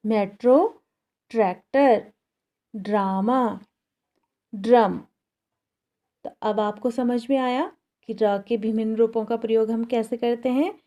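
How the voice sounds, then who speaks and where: A woman's voice: fairly high pitch, mellow. A woman teacher giving a grammar lesson to children, speaking patiently and repeating each word for the pupils. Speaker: school teacher. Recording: dull, lo-fi classroom recording.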